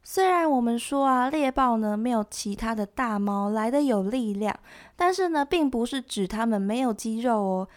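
A woman giving scripted nature documentary narration as a presenter, explaining things in a conversational way with soft sentence particles. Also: on the high side, expressive, moderate pace. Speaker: presenter of an animal education show.

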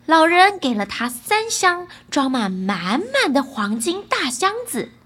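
A woman narrating a children's bedtime fairy tale in a lively, expressive way. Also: high-pitched, measured pace. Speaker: storyteller.

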